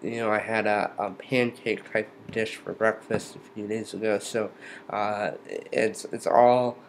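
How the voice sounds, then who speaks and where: A man with a fairly low voice speaks slowly and haltingly in a casual, unscripted update. His words are slightly impeded, as from a numb, stiff jaw and lower lip after surgery. Clear background noise sits behind him. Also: fairly even intonation. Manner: halting, hesitant delivery. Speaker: vlogger giving a surgery recovery update. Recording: noticeable background noise, room ambience.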